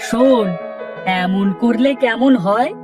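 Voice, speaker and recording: A scheming young male thief from a cartoon, as a woman acts him out, sly and plotting in a fairly high voice. He sounds set back from the mic, with clear music playing behind. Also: slow. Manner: sly, conspiratorial. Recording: distant voice over music.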